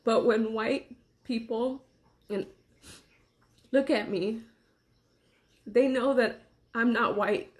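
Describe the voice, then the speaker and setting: Slow, earnest higher-voiced woman. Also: fairly even intonation. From Los Angeles, USA. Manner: earnest, deliberate, pausing between phrases. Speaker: vlogger. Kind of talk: personal monologue to camera.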